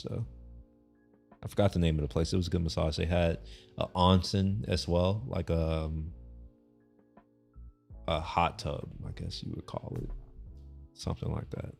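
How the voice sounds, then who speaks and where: A man's voice: low voice, vocal fry, a little mellow. A young man from Texas chatting on a livestream in a loose, rambling way, restarting sentences and swearing casually. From Texas, USA. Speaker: streamer. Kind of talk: casual chat.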